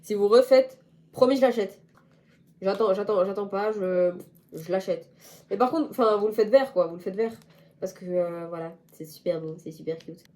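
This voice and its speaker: A woman's voice: mid-range voice, normal speed, warm tone. A young woman in casual chat to camera as a vlogger, playful and self-mocking, with slang. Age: young adult.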